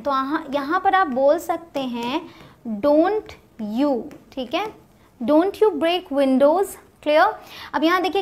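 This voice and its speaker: A young woman teaching English grammar in an online lesson, explaining step by step and reading example sentences slowly and deliberately. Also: very high-pitched, fairly bright tone. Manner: explains step by step, checks in with "clear?".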